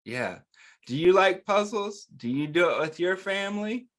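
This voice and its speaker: This storytime host reads a picture book to kids and addresses them directly, asking easy, encouraging questions and supplying the answers. He has a high, animated, slightly bright voice and talks at a normal speed.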